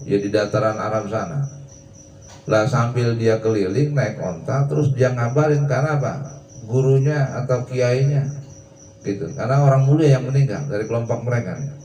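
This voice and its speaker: A man gives an evening lecture as an ustadz, with a low and mellow voice. He reads Arabic text slowly, then explains it in a relaxed, conversational way. The recording is distant and echoey, with faint crickets behind him. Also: a little hiss or hum. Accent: Indonesian. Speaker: ustadz teaching a religious text. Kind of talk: evening religious study lecture. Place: mosque or prayer hall at night.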